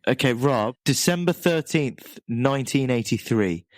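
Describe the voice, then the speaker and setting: Man, animated pitch, dry close sound, teasing quiz host. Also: unhurried, no echo. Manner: enthusiastic, teasing. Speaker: podcast host. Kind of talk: casual quiz chat.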